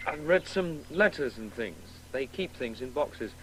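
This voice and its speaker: In a 1980s radio drama, a male actor plays a precocious, morbidly curious boy who muses detachedly and pedantically about words in a matter-of-fact way. His voice is medium in pitch, a bit bright, unhurried, with lively intonation. The old broadcast carries faint noise.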